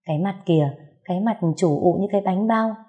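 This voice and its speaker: A woman voicing a gentle, teasing young husband in an audio story, speaking in a soothing manner. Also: mid-range voice, a little fast, close to an everyday voice.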